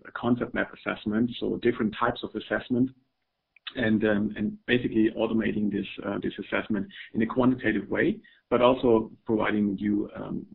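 Over phone-like webinar audio, this presenter, a middle-aged man from Germany, speaks with a German accent in a lowish, creaky, husky voice. He delivers his academic talk hesitantly, repeating words and using lots of fillers.

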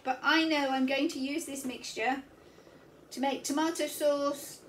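Sitting high with fairly even intonation, this fifties-aged woman speaks a little slowly, with slight background noise present. She cheerfully shows each step of a home-kitchen cooking demonstration, captured from a distance by a camera mic that leaves the room sounding spacious.

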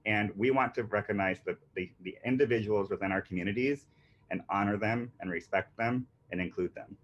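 A Panama-raised man in his thirties, the founder of a marketing agency, earnestly presents a workshop-style marketing webinar full of fillers and restarts. His voice sits on the low side and is fairly quick and fairly bright, with slight background noise. He is indoors on a video call with a virtual beach background, and the computer mic gives dull lo-fi call audio.

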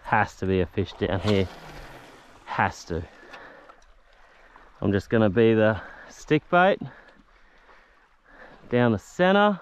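A man, a fishing vlogger commenting excitedly from a paddle board at sea, talking to the fish. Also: lowish voice, slow pace, pauses often, smooth. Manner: exclamatory, talks to the fish.

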